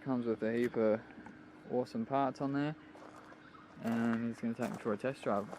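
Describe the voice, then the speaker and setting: A man's voice: medium pitch, steady tone, normal speed, darkish tone, slight background noise. A man chatting casually as a vlog host, laid-back, slangy and sweary. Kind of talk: casual car vlog chat.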